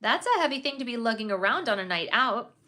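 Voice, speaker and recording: A woman's voice: on the high side, very animated, fast, bright, forceful tone. A woman reading aloud as a shy, modest young woman who speaks carefully. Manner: hesitant, careful.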